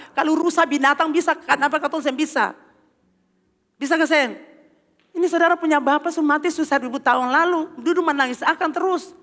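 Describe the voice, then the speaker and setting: A woman pastor with an Ambonese Malay accent preaching an animated sermon in a church, calling on the congregation for responses. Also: high voice. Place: church hall. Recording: long hall reverb.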